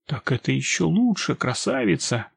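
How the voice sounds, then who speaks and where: A man's voice: medium pitch, big pitch swings, normal speed, creaky, slightly rough, dry recording, full character voice. A man doing a cocky, teasing village lad.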